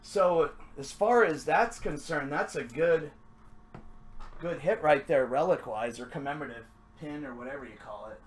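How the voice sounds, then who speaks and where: Opening packs on a trading card break, a man keeps up casual, upbeat chatter before slipping into mumbling to himself. His voice is a little high, at a moderate pace.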